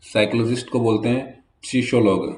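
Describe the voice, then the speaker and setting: A man teaching a German vocabulary lesson in at a whiteboard, slowly spelling out each word letter by letter. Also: medium pitch, fairly even intonation, echoey room. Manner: slow, spells words letter by letter. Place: classroom with whiteboard.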